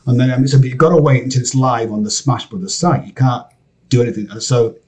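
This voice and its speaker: Fast-talking Scottish man, excitable and rambling. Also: medium pitch. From Scotland. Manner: excitable, rambling with many restarts. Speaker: interview guest, game composer. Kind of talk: casual interview chat. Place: home studio area, lives in LA.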